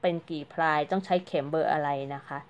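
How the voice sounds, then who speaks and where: A woman's voice: sits low, steady tone, quick pace. A woman giving a casual, chatty crochet tutorial, counting stitches aloud and explaining each step politely. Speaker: crochet teacher.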